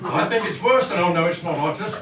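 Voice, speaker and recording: A man's voice: sits high, animated, fast, a crowd in the background. A man playing an apologetic pantomime character delivering grave diagnoses in comic amateur acting. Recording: echoey hall, distant mic, loud audience.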